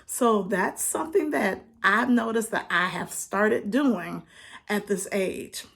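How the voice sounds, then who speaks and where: A woman's voice: medium pitch, takes it slowly, creaky, a bit bright, husky. A woman in her fifties chatting casually to her viewers, laughing often as she talks. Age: 50s. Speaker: vlogger. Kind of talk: casual chat to camera.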